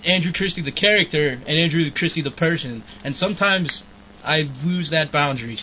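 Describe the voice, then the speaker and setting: A man's voice: fairly high pitch, fairly quick. A young man co-hosting a podcast in crude, profane casual chat, rambling and laughing often. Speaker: podcast co-host. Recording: muffled lo-fi with faint noise.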